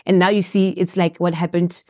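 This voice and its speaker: A woman's voice: on the low side, level tone, fairly quick, a little mellow, no room sound, clean studio sound. A woman podcast host asking questions supportively, affirming often. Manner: supportive, frequent affirming murmurs. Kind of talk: casual interview.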